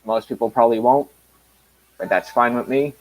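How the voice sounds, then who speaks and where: On his own live stream, a man in his mid-thirties chats casually, drifting between thoughts with many uhs and restarts. He speaks at a normal speed with an ordinary middle pitch, captured in a low-quality recording.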